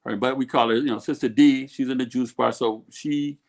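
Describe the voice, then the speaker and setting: A middle-aged man from Ethiopia speaks as an interview guest. His voice has a gravelly, rough edge at a medium pitch. He rambles loosely, circling back with restarts and fillers. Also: fairly even intonation, a little fast, darkish tone. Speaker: guest, food company co-owner. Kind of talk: casual interview talk.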